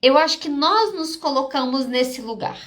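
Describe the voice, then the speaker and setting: Emphatic high-voiced Brazilian woman psychologist. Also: expressive, normal speed, a bit bright. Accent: Brazilian Portuguese. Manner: emphatic, direct, repeats key points with "ok?" and "tá?". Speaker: psychologist and podcast host. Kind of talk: live podcast talk answering audience questions.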